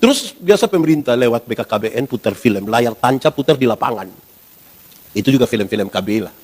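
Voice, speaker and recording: A pastor in his forties, preaching a lively sermon and asking the congregation questions. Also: mid-range voice, fairly quick. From Indonesia. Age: 40s.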